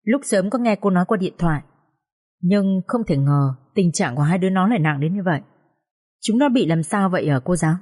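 A woman's voice: on the low side, expressive, brisk, darkish tone. A woman reading the part of a shaken, stern middle-aged father in an audio story, asking blunt and urgent questions. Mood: worried.

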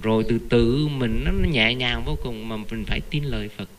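A man giving an informal Buddhist dharma talk, telling stories with animated, earnest emphasis. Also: medium pitch, moderate pace. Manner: animated, earnest storyteller who keeps repeating the Buddha's name. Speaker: Buddhist lay teacher.

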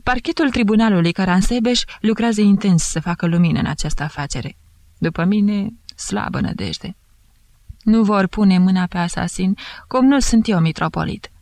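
Woman reader voices a bantering male judge, thick voice with a gravelly edge, dry close sound. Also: medium pitch, a little mellow, dry recording, close to an everyday voice. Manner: bantering, mocking. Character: jovial teasing male investigating judge.

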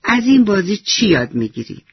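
A man voicing a kind, wise grandfather who speaks slowly and tenderly. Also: high-pitched, very animated, slightly rough, dry recording, highs cut off, pitched above the performer's own voice, full character voice. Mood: gentle. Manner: gentle, slow and tender.

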